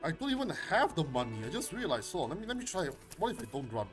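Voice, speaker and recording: Lively, joking game streamer. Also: medium pitch, quick pace. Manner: incredulous, joking. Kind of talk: casual gameplay commentary. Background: game music.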